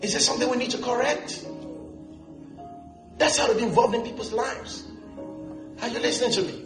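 High-voiced animated male preacher. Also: fairly quick, echoey room, music in the background. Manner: animated preaching with humor and call-and-response questions. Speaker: pastor. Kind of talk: sermon. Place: church.

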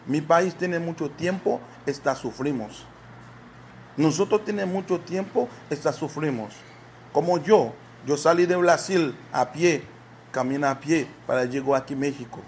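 A Haitian man, interviewed for a news report, speaking halting, broken Spanish with a Haitian accent and repeating himself. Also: on the high side, darkish tone. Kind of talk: street interview. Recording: background noise.

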